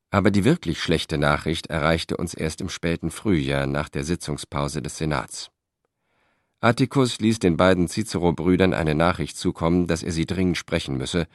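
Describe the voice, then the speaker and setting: A man narrating an audiobook in a steady, measured storytelling voice. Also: low-pitched, dry recording, clean studio sound. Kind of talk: scripted narration.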